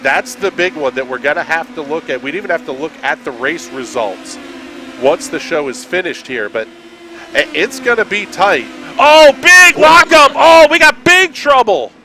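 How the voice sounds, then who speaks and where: A man on lead play-by-play for a sim racing stream, his voice sitting a little high for a man. He keeps a brisk, steady flow through the laps and pushes up into shouts when a car locks up. Faint hiss runs beneath him. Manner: brisk, builds to shouts at incidents. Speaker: play-by-play commentator.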